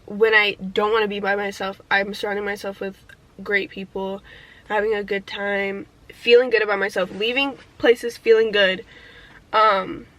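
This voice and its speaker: A woman's voice: medium pitch, a bit bright, rough recording. A young woman talking casually and candidly in a year-in-review vlog, reflective and swearing freely, getting teary at times. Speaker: vlogger.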